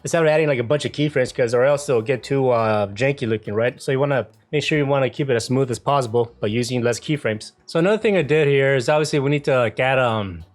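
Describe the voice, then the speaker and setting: A man presenting a casual software tutorial in an informal way, often checking in with the listener as he explains each step. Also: mid-range voice, quick pace, few pauses. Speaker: video editing tutorial presenter.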